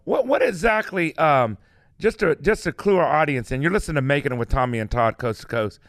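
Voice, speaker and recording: A man's voice: a little high, animated, brisk, a bit bright. A man co-hosting a radio show, asking questions in a chatty, stumbling way. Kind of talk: casual interview.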